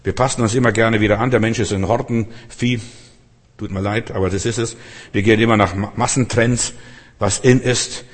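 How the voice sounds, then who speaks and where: A man preaching a sermon, emphatic and direct, turning from loud outbursts to soft, low passages and putting questions to his listeners. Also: steady tone, normal speed. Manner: addresses listeners directly, often with rhetorical questions. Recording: long hall reverb.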